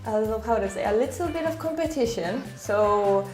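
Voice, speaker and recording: A woman's voice: on the high side, lively intonation, fairly quick, a little mellow. A woman from Finland, answering casually and searching for words. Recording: echoey room with music underneath.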